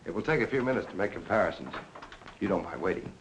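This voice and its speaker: Deep-voiced and animated, this man moves at a quick pace as a clipped, authoritative police lieutenant in a 1940s crime picture. He comes across cool and probing, all business, and the old soundtrack is noisy.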